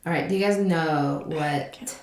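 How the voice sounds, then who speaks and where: A woman's voice: low-pitched, a little slow, reverberant. A woman, a teacher, co-hosting a casual podcast chat in a playful, slangy way.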